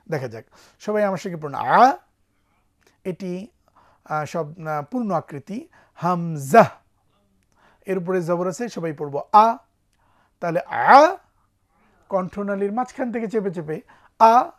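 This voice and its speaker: Woman drilling letter sounds on TV. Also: fairly low pitch. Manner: repeats sounds loudly for viewers to copy. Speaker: Quran reading teacher on TV. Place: TV studio.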